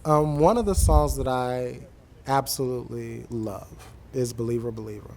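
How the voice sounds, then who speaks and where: A man from coastal Georgia, speaking earnestly and deliberately in a reflective documentary interview. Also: mid-range voice, creaky, a little mellow, slight background noise. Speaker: member of a traditional singing group. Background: music.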